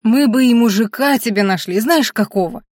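Woman doing an excitable old grandmother. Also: on the high side, normal speed, no echo, studio quality, natural voice. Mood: excited. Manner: exclaiming, nosy, teasing. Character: lively meddling old grandmother, loud and excitable.

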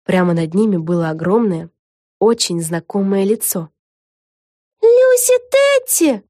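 A woman narrating a children's storybook in an expressive, lively reading. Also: fairly low pitch, moderate pace, dry recording, clean studio sound. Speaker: audiobook narrator.

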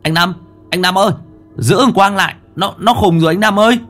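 A man voicing a flustered young man who stammers and shouts in a ghost story. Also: fairly high pitch, measured pace, slightly rough, faint music behind, pitched above the performer's own voice. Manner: stammering, raised voice.

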